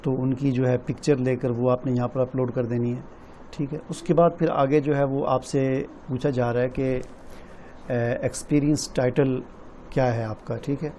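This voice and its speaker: Man explaining slowly, step by step. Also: medium pitch, fairly even intonation, dark tone, a little hiss or hum. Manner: explains step by step, often adds "theek hai?". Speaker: tutorial presenter. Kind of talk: screen-recorded walkthrough.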